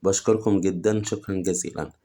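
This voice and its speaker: A man from Egypt with an Egyptian Arabic accent, teaching English vocabulary. He says each English phrase slowly, then gives the Arabic meaning quickly. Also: sits low, steady tone, warm tone. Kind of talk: vocabulary lesson.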